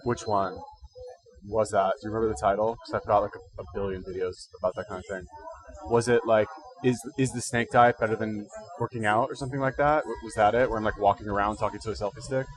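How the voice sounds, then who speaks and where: Fairly low-pitched and steady, this man talks quickly on a low-quality recording. He sounds slightly congested and recently woken up as he hosts a casual livestream, rambling through fitness and diet advice in slangy, informal talk and thinking aloud.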